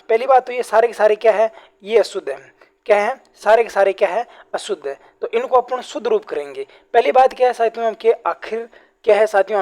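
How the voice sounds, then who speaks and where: A man's voice: high voice, a little mellow. A man teaching an exam-prep grammar class online, who keeps asking questions and answering them himself. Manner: repetitive call-and-response questioning.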